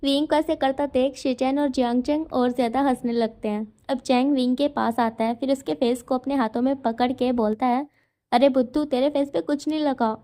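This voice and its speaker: A woman's voice: sits high, steady tone, a little fast, hardly any pauses, warm tone. A woman narrating a fan fiction story in a casual, chatty way. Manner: casual and chatty, explains scenes plainly.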